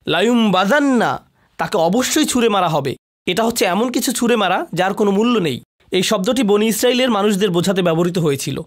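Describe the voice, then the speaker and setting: High-voiced man giving a Quran lecture. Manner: explains word meanings, recites Arabic phrases, stresses key words. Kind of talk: religious lecture on a Quran chapter.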